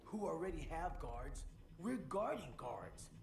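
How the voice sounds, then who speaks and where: A young rookie superhero from a video game, grumbling casually in a highish, lively voice. It echoes in a roomy space under loud music. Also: male voice, measured pace, vocal fry, background noise, exaggerated voice. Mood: exasperated. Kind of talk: video game cutscene acting.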